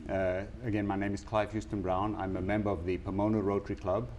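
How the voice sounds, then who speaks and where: A middle-aged man from Zimbabwe, a guest answering interview questions in a measured, factual way with frequent pauses. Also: lowish voice, level tone, darkish tone, muffled recording, slight background noise. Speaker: guest, Rotary water projects chair.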